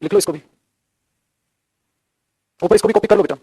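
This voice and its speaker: Man, grammar tutor; rapid, husky, drills points by repetition and rhetorical questions. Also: high-pitched, mellow, no room sound. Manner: addresses students as beta, repeats key phrases, asks and answers his own questions. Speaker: English grammar teacher. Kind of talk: classroom grammar lesson in Hindi.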